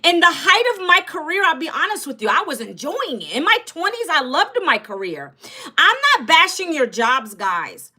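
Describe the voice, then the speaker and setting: Her pitch swings widely in a high, pushed, bright voice at a moderate pace. She's in her fifties, from Northern Virginia, USA, and hosts a chatty livestream where she talks directly to her audience and reads their comments aloud.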